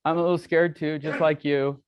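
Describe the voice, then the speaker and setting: A man's voice: on the high side, little pitch movement, normal speed, smooth, no echo, dull audio, close to an everyday voice. A man voicing a nervous male agent reading a doorstep script. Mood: timid scripted.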